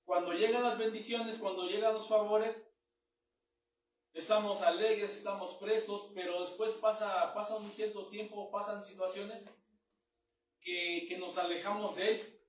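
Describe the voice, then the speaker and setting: A man with a high voice gives a Bible teaching sermon in what sounds like a church hall. He reads each verse aloud and then explains it in plain words. The room rings with heavy echo, and he stands well away from the microphone. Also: steady tone, unhurried, slight background noise. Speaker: preacher. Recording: very echoey room, mic far off.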